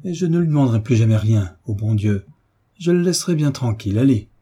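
A desperate little girl pleads and rails in a lifted, urgent voice, as a man puts her on. The tone stays dark and very husky, like an audiobook reading. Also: fairly even intonation, normal speed. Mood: pleading, indignant. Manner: pleading, raised pitch.

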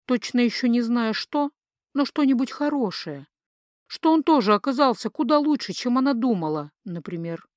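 A woman narrating an audiobook in an expressive storytelling manner on a close studio mic. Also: a little high, normal speed, no echo. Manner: expressive, lively storytelling intonation. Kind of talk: scripted narration.

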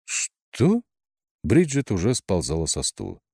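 A man narrating a first-person audiobook in an expressive storytelling manner. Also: deep voice, moderate pace, no room sound, studio quality.

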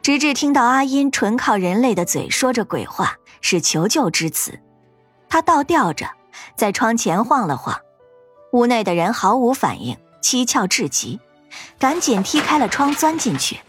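A woman narrating a fantasy ghost story in an expressive, dramatic storytelling manner. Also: on the high side, normal speed, breathy edge, faint music behind.

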